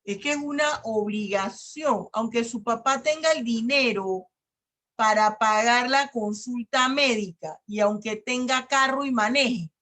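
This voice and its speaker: A middle-aged woman with a Panamanian Spanish accent lectures on law at an unhurried pace. Her voice sits a little high as she reads legal articles aloud and explains them with everyday examples. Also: a bit bright. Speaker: law professor.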